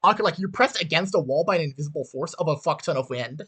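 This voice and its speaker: Bright-voiced rambling male game master. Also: a little high, expressive, fast, slightly rough. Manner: rambling, many fillers and restarts. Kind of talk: narrating a tabletop game.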